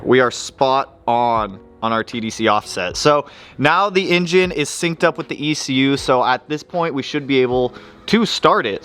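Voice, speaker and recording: A car modding vlogger with a medium-pitched, fairly bright voice narrates his garage work casually, explaining each repair step in an upbeat, plain-spoken manner. Background music can be heard clearly over his speech.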